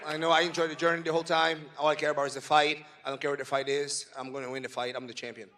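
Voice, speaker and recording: Punchy, boastful male interpreter, fast-talking. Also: fairly high pitch, little pitch movement, fairly bright tone. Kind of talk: live interpreting of a fighter's answers. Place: large press conference venue. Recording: noisy hall with crowd.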